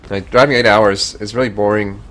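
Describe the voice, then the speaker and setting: A man's voice: fairly low pitch, fairly even intonation, fairly quick, a bit bright. A man from Northern Virginia chatting casually on a stream, rambling and swearing freely. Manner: rambling, profane, easygoing.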